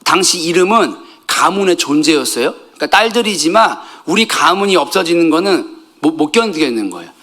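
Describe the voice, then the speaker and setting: A middle-aged male pastor giving a conversational sermon, animated, jumping between loud outbursts and soft asides and joking with the congregation. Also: a little high, a little fast.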